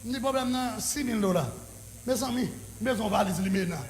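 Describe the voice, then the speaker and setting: Male pastor, Haitian French accent, very high gravelly voice, excited sermon storytelling with shouted bursts. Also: a little fast, slight background noise. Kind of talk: preaching sermon testimony.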